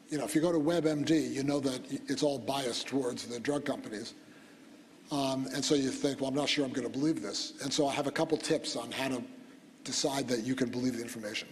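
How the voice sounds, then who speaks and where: A man giving a medical school lecture in a conversational, digressive way, with fillers and self-corrections. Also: a little high. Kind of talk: classroom lecture. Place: lecture hall. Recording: lecture hall with long reverb and faint noise.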